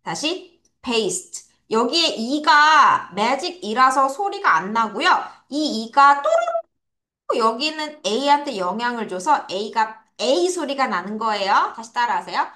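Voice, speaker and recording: A woman who teaches English at a private academy gives children an online vocabulary lesson in a voice that is a little high, pushed and bright, with lively intonation. She asks questions and then answers them herself. She spells each word letter by letter and draws it out slowly as a model for pupils to repeat.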